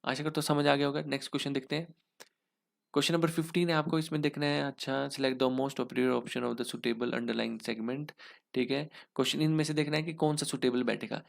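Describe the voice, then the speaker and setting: A man's voice: medium pitch, steady tone, a little fast, creaky. A young man with an Indian English accent, teaching an exam lesson in Hinglish and walking through each answer step by step, asking questions and answering them himself. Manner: explains step by step, asks then answers himself.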